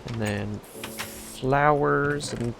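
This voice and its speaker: A man's voice: medium pitch, very slow, vocal fry, background noise. A young man hosting a casual let's play, rambling through his plans with sarcastic asides and frequent laughs. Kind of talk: casual gameplay chat.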